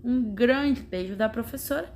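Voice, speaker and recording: A woman teacher, explaining a grammar lesson slowly and carefully, sounding out syllables. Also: fairly high pitch, darkish tone. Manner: slow, carefully spelling out syllables. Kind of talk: slow classroom explanation.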